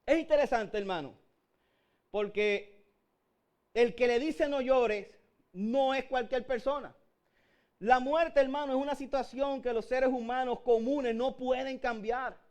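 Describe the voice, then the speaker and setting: A man's voice: very high-pitched, steady tone, measured pace, a little mellow. A man with a Puerto Rican accent preaching a sermon, calling his listeners "brother" again and again and building up to emphatic peaks. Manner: addresses listeners as "hermano" constantly, rising to emphatic peaks.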